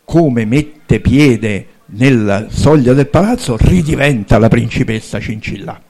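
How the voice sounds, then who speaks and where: An older man, an author telling fairy tales aloud to a live audience in an animated, chatty way with frequent fillers. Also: medium pitch, measured pace. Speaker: author and storyteller.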